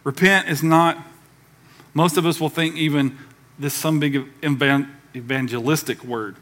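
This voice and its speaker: A man preaching with a somewhat high voice, pressing each point hard and asking the congregation to answer back. He mixes firm sermon lines with loose, offhand asides. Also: fairly even intonation, unhurried, fairly bright tone. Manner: emphatic, calls for congregation response; conversational with casual asides. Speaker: pastor.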